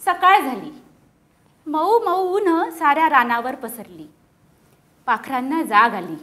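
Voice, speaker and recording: A woman's voice: sits high, slow pace. A woman teacher reading a picture book aloud to children in a classroom, often stopping to ask them questions. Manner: animated, keeps questioning the children. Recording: echoey classroom.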